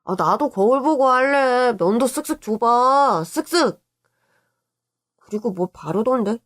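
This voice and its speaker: A woman voicing an eager, cheeky young boy who chirps and teases excitedly. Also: fairly high pitch, measured pace, voice pushed up.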